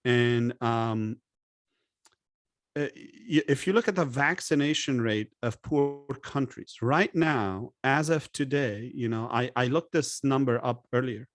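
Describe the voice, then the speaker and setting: In a clean, dry studio recording, a public health expert from Lebanon talks conversationally with an interviewer, stressing his points and posing rhetorical questions. He speaks a little slowly in a medium-pitched voice.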